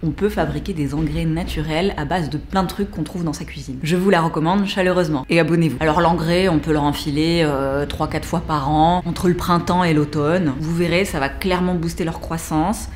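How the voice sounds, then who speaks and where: A woman's voice: deep voice, steady tone, a little fast, few pauses, a little mellow, a little hiss or hum. Playful young woman with a French accent. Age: young adult. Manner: playful, slangy and jokey. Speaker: plant vlogger. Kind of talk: casual scripted vlog. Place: living room full of plants. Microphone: camera at close range.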